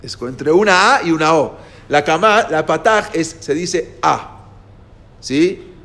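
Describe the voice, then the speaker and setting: Hombre que da una clase explicativa, voz algo aguda. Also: male voice, on the high side, expressive, a little slow, fairly bright tone. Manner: explanatory, asks the listeners "¿no?" and "¿sí?" often, with hesitations. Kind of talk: lecture to a class.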